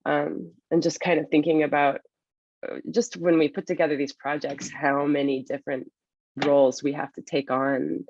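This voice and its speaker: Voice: mid-range voice, level tone, moderate pace, a little mellow, no echo. An artist on a panel, speaking in a grateful, reflective way. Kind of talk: panel discussion. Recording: dull dry lo-fi sound.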